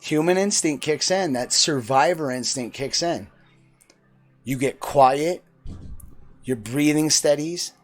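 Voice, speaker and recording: Fortyish guy ranting blunt and sweary, kinda high voice, faint music behind. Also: slow, long pauses. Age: 40s. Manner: blunt, profane, preachy. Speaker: vlogger. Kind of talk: opinionated monologue.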